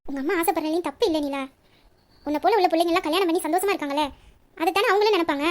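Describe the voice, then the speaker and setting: A woman's voice: very high-pitched, very fast. A woman voicing a young woman who keeps pressing her best friend with insistent questions. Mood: coaxing. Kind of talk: audio story reading.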